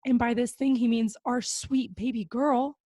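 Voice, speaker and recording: Young woman host, bubbly casual talker, slightly high pitch, dry close-miked sound. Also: steady tone, a little slow, mellow, no room sound. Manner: upbeat and chatty, with frequent fillers. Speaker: podcast host. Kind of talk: casual podcast chat. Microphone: close podcast mic.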